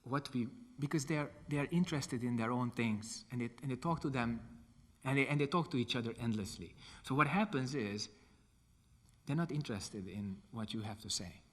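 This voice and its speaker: Hungarian guy, monk lecturing in english, middle pitch, lots of hall reverb. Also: a little fast, a bit bright. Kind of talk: lecture with question and answer.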